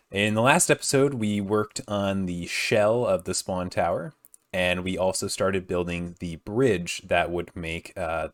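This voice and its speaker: Low-voiced man rambling over gameplay. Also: fairly bright tone. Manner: rambling, many fillers and self-corrections. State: groggy morning voice. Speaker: gaming video host. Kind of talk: casual gameplay commentary.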